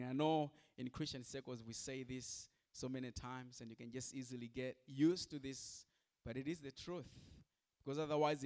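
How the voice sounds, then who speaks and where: A man's voice: medium pitch, a little mellow. A male pastor preaching a sermon, speaking in short repeated phrases and asking the listeners direct questions.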